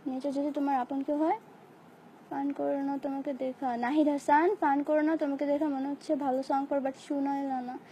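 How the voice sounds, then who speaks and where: A young woman with a high, mellow voice that is hoarse from a sore throat. She chats casually and playfully with her viewers, dropping English phrases into her replies. Faint background noise sits under the recording. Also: level tone, a little fast. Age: young adult. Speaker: live-stream host reading viewer comments. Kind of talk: casual live chat answering comments.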